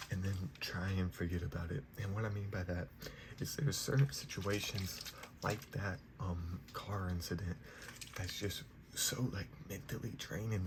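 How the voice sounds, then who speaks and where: A young man giving a whispered ASMR pep talk in a soft, reassuring manner. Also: low-pitched. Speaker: ASMR creator giving positive affirmations. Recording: noisy, clear background hiss.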